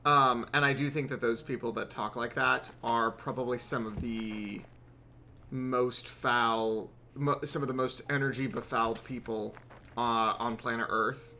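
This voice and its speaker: A man's voice: medium pitch, fairly even intonation, measured pace, pushed and bright, a little hiss or hum. A young man streaming a game, rambling wryly with swearing asides as he plays. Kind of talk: casual gameplay commentary.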